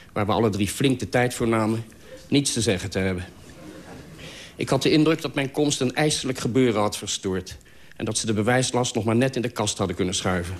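A man with an ordinary mid-range voice reads a humorous radio column. His delivery is dry and self-mocking, and his jokes are understated. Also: mid-range voice. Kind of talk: humorous scripted column reading.

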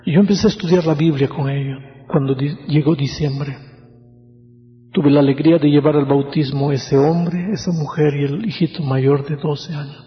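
Middle-aged male pastor, dramatic sermon storyteller, voice a little high, dull recording with long hall echo. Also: fairly even intonation. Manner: dramatic, slows and softens for quoted pleas.

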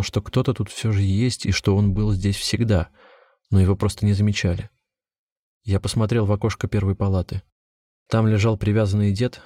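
Low-voiced man narrating a story. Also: mellow, dry recording, studio quality. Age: 20s. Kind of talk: first-person audiobook narration.

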